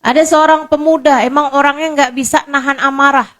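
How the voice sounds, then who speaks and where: A woman's voice: high-pitched, fairly even intonation, fairly quick, fairly bright tone. A woman preacher giving a casual, conversational sermon, full of repetition and rhetorical questions. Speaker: Islamic preacher.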